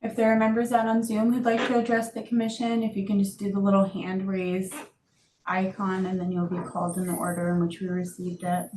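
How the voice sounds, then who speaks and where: A woman with a mellow, mid-pitched voice speaks as a meeting clerk in a procedural reading style. The recording is very roomy and echoey, with a faint rumble of noise behind her. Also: completely flat delivery, a little fast. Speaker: meeting clerk or staff member. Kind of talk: procedural talk and reading correspondence aloud.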